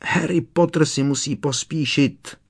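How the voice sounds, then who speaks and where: A man voicing an eager male house-elf servant who shrieks in a squeaky voice and talks about himself in the third person. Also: steady tone, husky. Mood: urgent.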